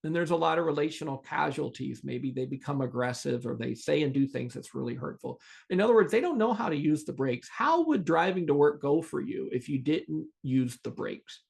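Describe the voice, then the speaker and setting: A middle-aged man hosting a podcast, telling a story and explaining a skill in an earnest, animated way with restarts. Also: a little high, a little fast, gravelly, few pauses, breathy edge. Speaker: podcast host. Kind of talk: storytelling teaching monologue.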